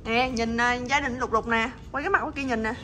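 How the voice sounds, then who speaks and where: A woman's voice: on the high side, steady tone, fairly quick, a bit bright, slight background noise. A woman chatting with her pets in a teasing, coaxing way, laughing often. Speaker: pet channel host. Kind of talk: casual chat to her pets.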